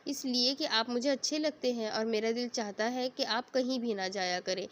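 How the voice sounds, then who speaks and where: A chatterbox young girl, teasing and bossy in a playful way, read by a woman narrator. The voice sits a little high, in a plain storybook reading. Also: normal speed, lightly acted.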